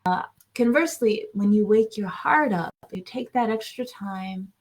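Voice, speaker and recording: Soft-spoken woman gently guiding self-care. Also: mid-range voice, lively intonation, a little slow. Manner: soft, soothing, often drops to a hush; frequent checking "right?", searching restarts. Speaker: wellness teacher.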